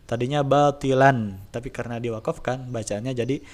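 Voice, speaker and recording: A man teaching a tajwid lesson, in a relaxed explaining voice, slowly drawing out recitation examples. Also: medium pitch. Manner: slow drawn-out recitation demos between relaxed explanations. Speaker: religion teacher.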